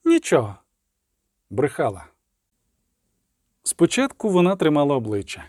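A man narrating an audiobook in a steady, measured storytelling voice. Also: fairly high pitch, no echo, clean studio sound. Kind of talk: scripted narration.

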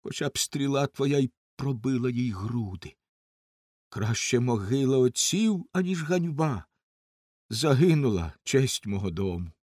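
A man's voice: medium pitch, lively intonation, unhurried, a little mellow, no room sound, clean studio sound. A man reading an audiobook and voicing an old father in anguish, speaking in a trembling, lamenting way. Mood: despairing. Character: old grieving father, desperate and pleading.

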